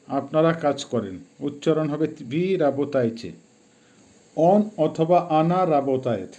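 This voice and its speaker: Male tutor, slightly high, mellow voice; patient drill-style lesson, repeats each term. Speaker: language teacher. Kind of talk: step-by-step language lesson.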